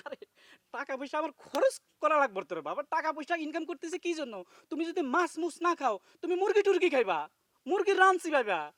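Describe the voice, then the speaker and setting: A man's voice: very high voice, sing-song, a bit bright, dry recording, clean studio sound, full character voice. An actor playing a husband who swings from sweet-talking to bullying his wife, in a comedic TV drama. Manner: blustering, quickly shifting from sweet-talk to bullying.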